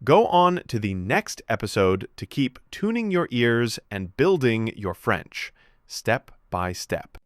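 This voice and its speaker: A man's voice: mid-range voice, very animated, slow. A man teaching a beginner French lesson, encouraging and enunciating each word for students to repeat.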